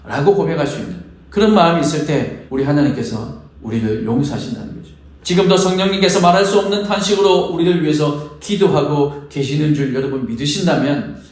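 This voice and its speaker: A man's voice: a little high, darkish tone. A man preaching a sermon as pastor, acting out quoted prayers and asking the congregation questions. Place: church sanctuary. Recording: very echoey church hall.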